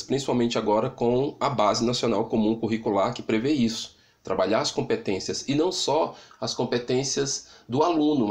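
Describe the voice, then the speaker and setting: A man with a Brazilian Portuguese accent recording a lecture from his home, explaining step by step and often checking in with "né?". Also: medium pitch. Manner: explanatory, frequent "né?" tag questions. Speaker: teacher. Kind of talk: recorded lecture on literacy stages. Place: home with an open window.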